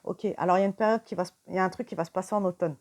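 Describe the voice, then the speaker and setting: Speaking very fast in a lowish, steady, slightly mellow voice, a tired young woman does a casual card reading. She addresses the viewer directly with lots of fillers and whispers her questions to the cards.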